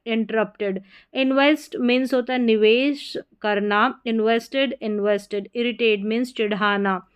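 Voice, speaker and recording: A woman recites English verb forms in an even, drilled cadence. Her voice sits slightly high and sounds smooth and clear. The delivery is patient and methodical. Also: lo-fi sound. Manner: reads verb lists in steady drilled rhythm. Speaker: English teacher. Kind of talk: vocabulary lesson recitation.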